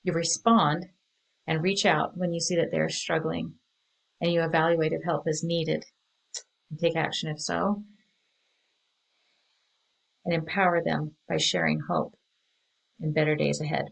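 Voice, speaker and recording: This woman runs a training session in a voice that sits low and carries some gravel. She delivers prepared material in a steady, earnest, measured way. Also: low-quality recording. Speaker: workshop presenter.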